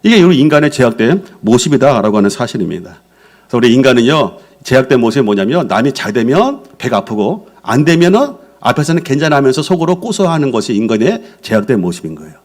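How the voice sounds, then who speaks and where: A man's voice: mid-range voice, fast. A middle-aged male senior pastor preaching a Sunday sermon in a church, telling stories and acting out quoted speech. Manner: lively storytelling preacher, acts out quoted speech. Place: church sanctuary.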